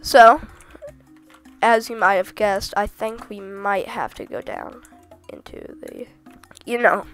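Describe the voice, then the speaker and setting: A woman who is sick with a cold, chatting casually and rambling through gameplay commentary with sudden excited exclamations. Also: medium pitch, takes it slowly, long pauses, soft background music. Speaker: gaming video host.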